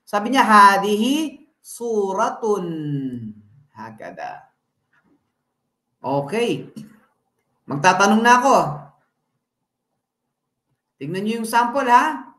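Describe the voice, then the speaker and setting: A woman from the Philippines teaching her children at home, patiently quizzing them and drilling words slowly. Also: a little high, big pitch swings, a bit bright. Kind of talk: home language lesson. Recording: echoey room.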